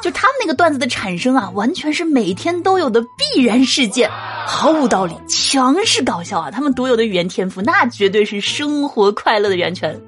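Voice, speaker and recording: A woman's voice: on the high side, very animated, brisk. A woman in her thirties, a mother, telling humorous family anecdotes and often laughing between jokes, with faint music behind. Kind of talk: humorous storytelling monologue.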